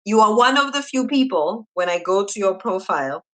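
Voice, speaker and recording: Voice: medium pitch, lively intonation, normal speed, rough recording. Effusive podcast host. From Zambia. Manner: warm, effusive, repeats praise. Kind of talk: interview podcast.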